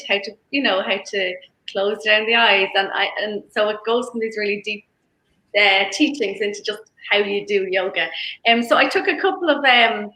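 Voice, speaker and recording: A woman yoga teacher talks as a guest, reflective and easygoing, often laughing between thoughts. Her voice is bright and forward. The room around her carries a noticeable echo. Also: mid-range voice. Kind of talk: conversational interview. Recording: echoey room.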